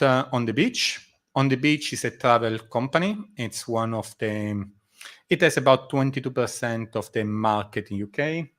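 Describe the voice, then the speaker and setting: A middle-aged man from Argentina and Italy, giving a measured conference presentation with frequent pauses in a meetup room. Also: medium pitch. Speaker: guest speaker. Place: meetup room before a live audience.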